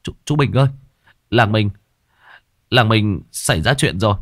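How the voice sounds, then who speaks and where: A man's voice: lowish voice, normal speed, a bit bright, no echo, studio quality. A man voicing a panicked young village man who stammers out bad news breathlessly.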